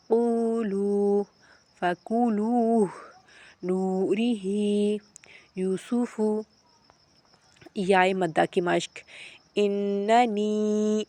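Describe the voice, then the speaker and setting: A woman with a Pakistani Urdu accent teaching a Quran recitation lesson. She draws out each practice word slowly, then explains the rules quickly. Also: lowish voice, no echo. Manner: stretches practice words slowly, explains briskly between them. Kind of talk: tajweed lesson with slow drilled recitation.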